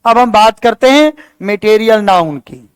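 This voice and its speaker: A man's voice: high voice, lively intonation, measured pace, smooth, no echo. A male teacher tells a story and keeps asking his class questions.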